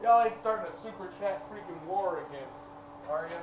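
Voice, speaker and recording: A livestream host chats casually with viewers from a forge workshop, addressing them in a folksy, informal way. His voice sits high and moves fairly quickly, and the recording is echoey with loud background noise.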